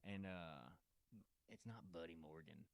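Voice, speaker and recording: A man's voice: deep voice, unhurried, gravelly, no echo, studio quality. A man hosting a podcast, talking in a rambling way and laughing easily. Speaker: podcast host. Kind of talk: casual chat. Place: podcast studio.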